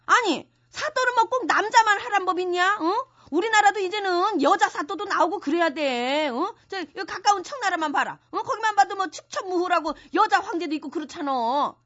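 A man's voice: very high voice, animated, fairly quick, few pauses, sharp tone, exaggerated voice. A man playing a spoiled, haughty noblewoman in a radio comedy sketch, bossy and defensive, always tacking on a nagging "huh?". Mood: indignant. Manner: bossy, huffy, keeps asking "응?". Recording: dull radio broadcast sound.

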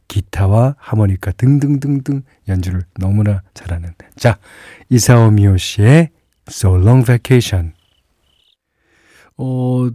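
On a late-night music show, a male radio DJ with a fairly low voice chats casually and reads listener messages aloud, chuckling now and then. He sounds relaxed and talkative. It's a dry, clean recording made on a studio microphone in a radio studio.

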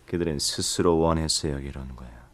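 A man playing a gloomy, aloof demon lord in an audio drama, with a languid, brooding dark-lord delivery. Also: rumbling low, a little fast. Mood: cold, dismissive.

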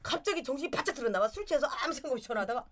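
Woman, 40s, casual storyteller, bright and fairly high, animated, loud in quotes. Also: very fast, slight background noise. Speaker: storyteller guest. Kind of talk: casual chat.

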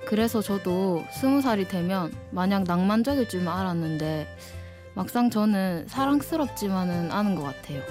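A twenty-year-old design student from Ulsan, South Korea, guest-hosts a late-night radio show with a Gyeongsang accent. Her medium-pitched voice is expressive and moves at a normal speed over background music as she delivers a candid, reflective personal monologue.

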